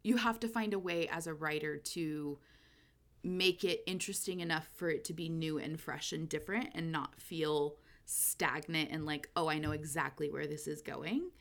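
A woman with a slightly low voice talks through a book in casual podcast chat. She is lively and talkative and laughs easily as she makes her points. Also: normal speed. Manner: chatty, animated, laughs often. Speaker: podcast co-host.

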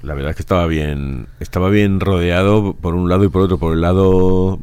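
A man's voice: low voice, steady tone, a little fast, a little mellow, smooth. A man in a religious discussion, reflective, who often interjects with short remarks. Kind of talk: casual devotional discussion.

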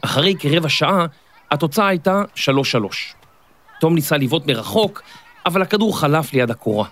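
Higher-voiced man telling a children's story. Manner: clear, expressive storytelling. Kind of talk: scripted children's story narration. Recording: dry studio, faint music.

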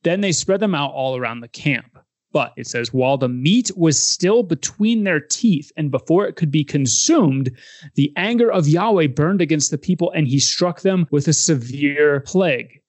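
A man's voice: on the high side, animated, normal speed, no room sound. A man co-hosting a casual Bible discussion podcast, animatedly retelling passages and acting out quoted lines. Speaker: podcast co-host.

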